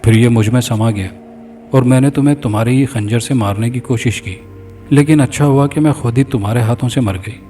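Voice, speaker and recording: A man's voice: mid-range voice, warm tone, lightly acted. A man voicing a sorrowful young woman's ghost who speaks earnestly. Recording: distant mic, faint background music.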